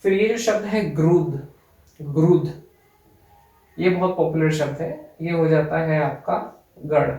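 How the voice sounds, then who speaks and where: A young man teaching an online language lesson, explaining step by step and repeating each word slowly. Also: fairly high pitch, gravelly, a little mellow, highs cut off. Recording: echoey room, voice from a distance.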